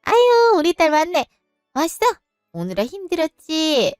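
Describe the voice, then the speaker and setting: A scornful, nagging mother-in-law, as a woman narrator puts her on in a storybook drama. She scolds in drawn-out, smooth-voiced tones. The sound is dry and close, with faint music beneath. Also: high voice, lively intonation, no room sound. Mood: doting. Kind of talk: storybook voice acting.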